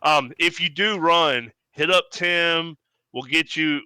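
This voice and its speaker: Animated man with a bright, crisp voice. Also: on the high side, slow pace, dry recording, poor audio. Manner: animated, swears freely, mimics voices when telling stories. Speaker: podcast co-host. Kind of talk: casual chat.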